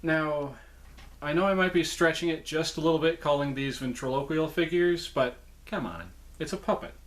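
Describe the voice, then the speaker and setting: A man's voice: on the high side, normal speed. A man giving a casual, informal show-and-tell monologue as a presenter, chatty and often correcting himself as he goes. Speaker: presenter showing a puppet collection.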